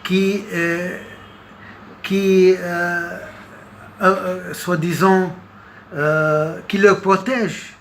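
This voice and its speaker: This man's political commentary is unscripted and delivered as a monologue in a high, level, slightly bright voice. He speaks very slowly and hesitantly, with long pauses and repeated words, against noticeable background noise.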